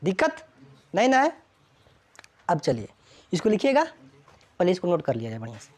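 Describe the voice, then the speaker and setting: A woman's voice: fairly low pitch, wildly swooping pitch, normal speed, darkish tone. A woman teaching English grammar to a classroom, constantly checking whether students follow.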